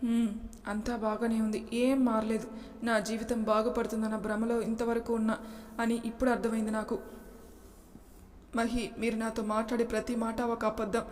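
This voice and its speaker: A woman voicing a hurt young wife who speaks softly and wearily, with a long reverb on the recording. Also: a little high, monotone, normal speed, close to an everyday voice. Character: sad, wounded young wife, quiet and withdrawn.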